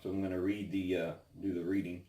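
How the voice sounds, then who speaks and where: A man giving a casual devotional talk and Bible reading, halting and pausing often mid-sentence. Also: deep voice, little pitch movement, mellow. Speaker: devotional host. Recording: roomy, echoing sound.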